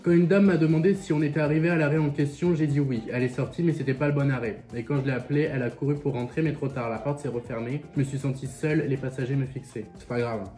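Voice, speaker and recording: A man's voice: medium pitch, steady tone, fast, few pauses, over music. A young man with a French accent chatting casually and sassily while eating, swearing freely and talking with his mouth full. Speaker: vlogger reacting to viewer stories.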